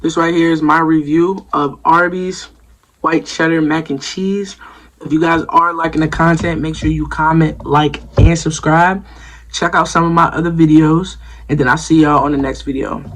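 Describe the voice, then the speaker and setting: A man casually reviewing fast food for his vlog, easygoing and repetitive, with frequent ums. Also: a little high, steady tone, noisy background. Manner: easygoing, repeats himself, lots of ums and "me personally".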